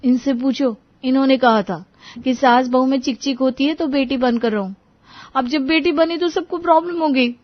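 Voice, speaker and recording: A woman's voice: high voice, moderate pace, highs cut off, pitched above the performer's own voice, lightly acted. A woman voicing a playful, outspoken young daughter-in-law who talks teasingly. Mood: defensive. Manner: teasing, lively.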